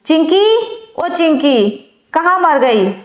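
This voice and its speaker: Storybook stepmother, harsh and taunting, high and slow, as a woman narrator puts her on, echoey room. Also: expressive. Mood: scornful. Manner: scornful, taunting. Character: harsh scolding stepmother, middle-aged woman.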